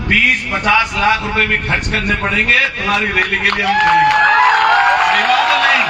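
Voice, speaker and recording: A man giving a booming political rally speech, rousing the crowd with called-out questions and slogans. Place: large outdoor political rally. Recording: echoey loudspeaker, distant, noisy outdoor crowd.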